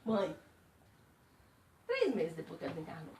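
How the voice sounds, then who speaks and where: A woman speaking as a spiritist, giving a personal testimony to a group in animated storytelling. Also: sits low, measured pace, slight background noise. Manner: animated storytelling, laughing while recalling. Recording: echoey room, distant mic.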